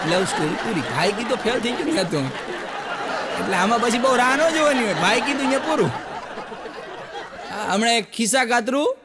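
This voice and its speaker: A man doing live stand-up, telling folksy village jokes and acting out characters' lines in quick back-and-forth quotes. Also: high-pitched, in a large hall, heavy background noise. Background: audience laughter.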